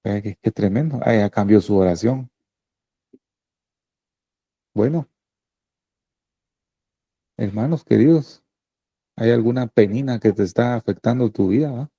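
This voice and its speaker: A male pastor preaches a sermon conversationally, frequently checking in with the congregation using quick tag questions. His voice is mid-range, dark-toned and husky, captured in a dry recording.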